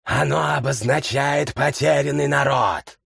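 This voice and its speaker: A sly rat woman sneers in a gravelly, husky voice, played by a male narrator. Her taunts are clipped and dry in this fantasy audiobook. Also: mid-range voice, lively intonation, measured pace, dry recording, full character voice. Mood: mocking. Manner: mocking, snapping. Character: sharp-tongued rat woman hiding twin daggers.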